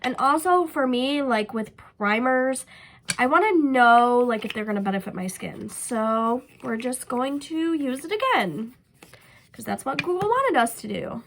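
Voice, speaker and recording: A woman's voice: high-pitched, lively intonation, unhurried, fairly bright tone, a little hiss or hum. A young woman with a stuffy, nasal voice from a cold, chatting casually through a makeup tutorial with frequent ums and likes. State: sick with a stuffy nose. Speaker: beauty vlogger.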